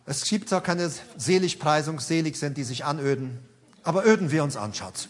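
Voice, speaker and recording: A man's voice: fairly high pitch, normal speed. A man in his sixties preaching a sermon in a conversational way, talking straight to his listeners and building to emphatic peaks.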